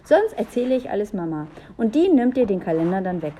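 A woman's voice: mid-range voice, very animated, brisk, warm tone, a little hiss or hum, lightly acted. A woman voicing a small, pleading and stubborn little boy in a storybook reading. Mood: defiant.

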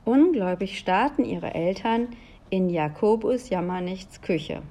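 A woman voicing an excited young girl in a read-aloud children's story, speaking emphatically. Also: a little slow. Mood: eager. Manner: bright, emphatic, pitched up. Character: excited girl, Julia, eager to convince her parents.

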